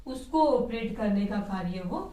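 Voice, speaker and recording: A woman's voice: medium pitch, animated, moderate pace, dark tone. A woman chemistry teacher giving a classroom lecture, explaining step by step and asking rhetorical questions. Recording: echoey room, voice from a distance.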